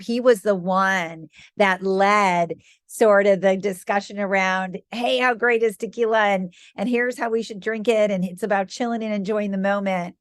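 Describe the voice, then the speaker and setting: A company founder from Michigan, a woman in her fifties, speaks in a medium-pitched voice as a guest on a podcast interview, sharing her story warmly with easy laughs. The sound is dry and cleanly studio recorded.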